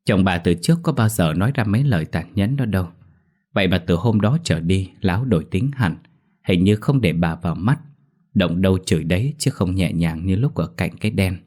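Deep-voiced man narrating a horror story. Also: darkish tone.

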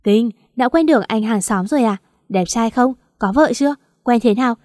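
A gossipy young woman teases her best friend with rapid prying questions in a storybook reading, voiced by a woman narrator. The voice sits high with a mellow tone and a dry, close sound. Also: no room sound, lightly acted. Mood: teasing. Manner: teasing, gossipy.

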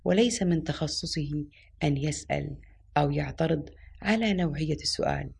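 A woman reading the lines of a wise, calm elderly woman in an audio story, speaking firmly like a preacher. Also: deep voice, a little fast, creaky, slightly rough, full character voice. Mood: preaching. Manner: firm, preaching tone.

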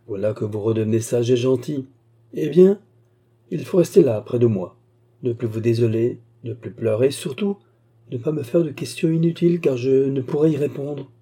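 A deceitful kidnapper speaks with smooth, insistent courtesy, as a male narrator voices him. His voice is dark and husky. The lines are delivered with firm emphasis. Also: mid-range voice, moderate pace. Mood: insistent, falsely kind.

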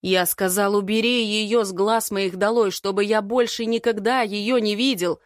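A woman voicing an angry, drunk young man who roars and shouts at everyone. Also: mid-range voice, steady tone, normal speed, dry recording, studio quality, lightly acted. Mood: furious shouting. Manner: shouting, roaring.

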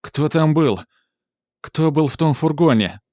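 A man voicing a desperate young woman who cries out loudly. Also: mid-range voice, lively intonation, slow, no echo. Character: desperate young woman searching for her daughter.

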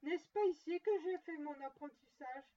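A woman voicing an excited, eager old man who exclaims loudly in a storybook reading. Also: moderate pace, lightly acted. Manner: exclaiming, louder and higher than the narration. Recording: dull distant lo-fi recording.

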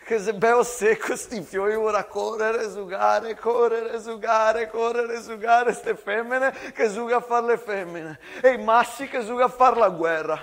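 A man's voice: high voice, steady tone, measured pace, hardly any pauses, a bit bright. Tonon, a man doing a desperate Venetian soldier. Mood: feverish. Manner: pleading, rambling, stammering reassurances. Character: young male soldier, rough, devoted, desperate friend. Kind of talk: stage monologue.

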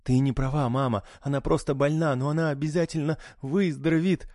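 A frightened young mother begging for help, voiced by a male narrator in an audiobook. The voice is pitched high and weak, pleading. It is recorded close and dry. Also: expressive, a little fast, a little mellow, no echo, natural voice. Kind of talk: audiobook character voice.

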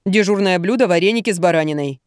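A woman reading an audiobook, voicing a blunt, unbending middle-aged female buffet cook with a curt, gruff manner. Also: lowish voice, very fast, no room sound, clean studio sound, close to an everyday voice.

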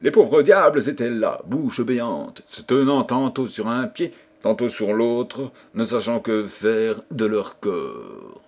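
A man's voice: mid-range voice, expressive, slow, hardly any pauses, a little mellow. A man reading a fairy tale aloud for an audiobook, telling it expressively. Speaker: audiobook reader.

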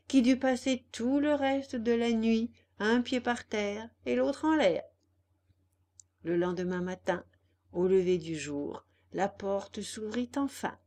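A woman narrating a children's story in an expressive, deliberate way. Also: mid-range voice, creaky. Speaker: audiobook reader.

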